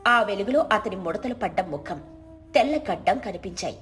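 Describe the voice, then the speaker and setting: A woman narrating a village moral story in a steady, clear storytelling voice. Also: mid-range voice, moderate pace, soft background music.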